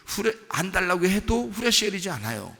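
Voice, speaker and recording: A male pastor preaching a sermon in a conversational, animated way, acting out a father and his children, recorded in a church sanctuary. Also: sits high, fairly quick, creaky. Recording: church sanctuary with long reverb.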